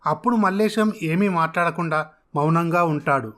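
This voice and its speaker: A man narrating a family story in a steady, even storytelling manner. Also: a little high, normal speed.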